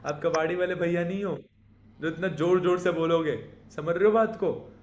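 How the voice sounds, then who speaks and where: A young man giving a sales training talk, coaching his listeners and swinging between soft asides and emphatic pushes, mixing in English phrases. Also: on the high side, normal speed, dull audio. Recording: echoey room with faint ambience.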